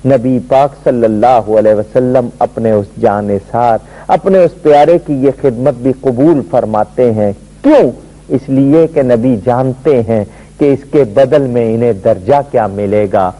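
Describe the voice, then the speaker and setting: A middle-aged religious scholar delivers a devotional lecture on a television studio set, telling a story with emphasis as his warm voice swoops high and low. The audio quality is poor.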